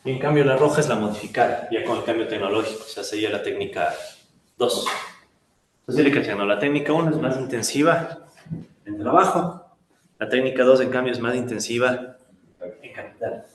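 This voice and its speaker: A man's voice: medium pitch, fairly quick, roomy sound, slight background noise. A man lecturing a class, chatty and full of tag questions. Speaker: economics lecturer.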